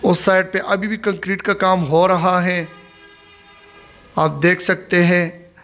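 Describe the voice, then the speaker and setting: A man's voice: sits high, little pitch movement, slow pace, fairly bright tone. A man giving a casual walking tour of a stadium construction site, filming on his phone outdoors. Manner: repetitive, plain commentary while filming. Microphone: handheld phone.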